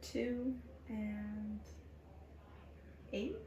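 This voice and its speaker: Creaky-voiced woman, soft-spoken ASMR role-play patient. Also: medium pitch, steady tone, extremely slow. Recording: roomy echo, clear background noise.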